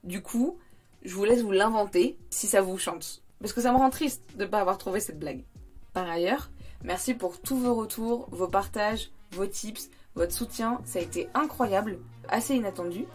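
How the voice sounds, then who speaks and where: A woman's voice: medium pitch, moderate pace, darkish tone, faint music behind. A young French woman hosting a casual travel podcast, chatting informally with slang and fillers. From France. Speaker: podcast host.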